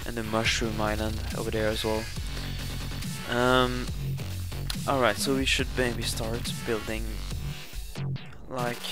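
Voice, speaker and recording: A young man from Sweden with a Swedish accent, narrating a casual game playthrough with many fillers and self-corrections. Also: mid-range voice. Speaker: gaming channel host. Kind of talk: casual Let's Play commentary. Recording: game music playing behind.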